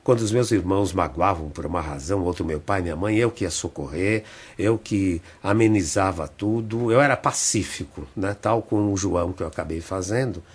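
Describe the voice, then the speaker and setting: Older husky-voiced Brazilian man reminiscing. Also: fairly low pitch. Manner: unhurried reminiscing, frequent tag questions. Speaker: theatre director, interview guest. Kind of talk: reflective storytelling in a radio interview. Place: radio studio.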